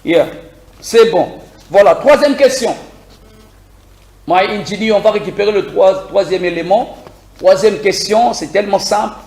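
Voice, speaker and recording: Lively man teaching English, echoey room. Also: high-pitched, normal speed, pauses often. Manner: lively, code-switching, repeats phrases for listeners to echo. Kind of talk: live broadcast English lesson.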